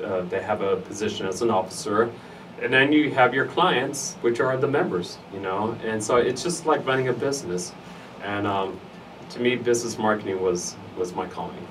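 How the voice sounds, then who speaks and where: A man's voice: fairly low pitch, a little fast, a bit bright. A middle-aged man with an East L.A. accent giving conversational interview answers, emphatic and given to repeating phrases in lists. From United States, East Los Angeles area. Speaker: interviewee, fraternity alum. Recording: noisy, distant mic, room ambience.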